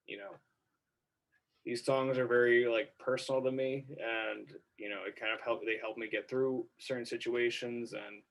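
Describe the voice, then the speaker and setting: A musician guest, a man with a medium-pitched voice, chats casually in an interview about his songs. He rambles, packing his talk with fillers like "like" and "you know," and the recording is rough.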